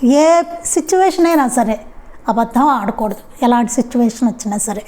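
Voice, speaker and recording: A woman's voice: on the high side, expressive, normal speed, warm tone. A woman giving a devotional satsang talk in a conversational storytelling way, with frequent rhetorical questions. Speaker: spiritual speaker.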